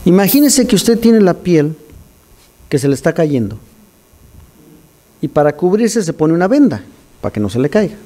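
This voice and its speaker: A man preaching an animated, teaching sermon to his congregation. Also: on the high side, moderate pace, long pauses. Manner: animated, teaching, scolds listeners for distracting him. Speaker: pastor.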